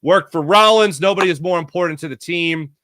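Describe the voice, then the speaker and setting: A man hosting a casual sports podcast, reading viewer chat with sarcastic, animated commentary. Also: a little fast, dry recording, studio quality. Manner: reads ad copy with big pitch swings. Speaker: podcast host.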